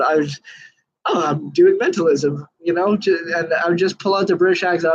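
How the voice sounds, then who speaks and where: In a muffled recording, a man with a somewhat high voice talks casually to camera about magic. He's a magician reviewing a book, earnest and rambling, full of fillers and restarts.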